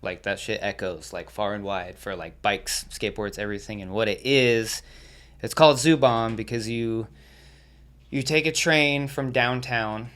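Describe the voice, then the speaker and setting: A young man sits in as a podcast guest and tells his stories in a relaxed, rambling way. He swears freely and laughs between the stories, and his voice sits a little low. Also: measured pace. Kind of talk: casual storytelling.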